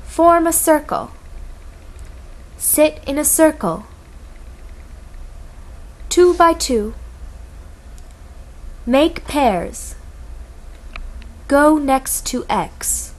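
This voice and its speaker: A woman reading classroom instructions aloud in English, slowly and clearly, pausing after each phrase. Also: high-pitched, expressive. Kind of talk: slow model reading of classroom commands.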